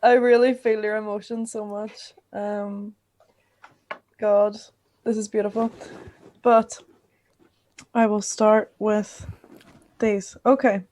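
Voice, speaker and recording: A woman's voice: mid-range voice, level tone, slow pace, long pauses, warm tone, a little hiss or hum. A woman from Northern Ireland interviewing her podcast co-host in a chatty, rambling way, asking lots of questions. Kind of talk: casual chat interview.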